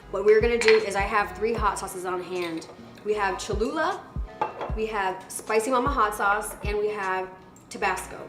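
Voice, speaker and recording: Chatty woman hosting a cooking show. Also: mid-range voice. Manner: bubbly, chatty, laughs often. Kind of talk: casual cooking chat. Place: home kitchen. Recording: roomy kitchen with music underneath.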